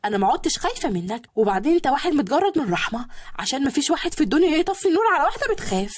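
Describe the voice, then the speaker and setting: A woman's voice: high voice, sing-song, no echo, clean studio sound. A woman voicing a stubborn, childish young bride with an Egyptian accent, whiny and pouty. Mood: pouty defiant. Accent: Egyptian Arabic. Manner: whiny, pouty, quick retorts.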